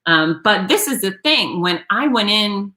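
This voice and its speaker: Frank woman with a bright, forceful voice. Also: mid-range voice, a little slow, rough recording. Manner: frank, expressive, with many restarts. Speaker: author and interview guest. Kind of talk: candid interview storytelling.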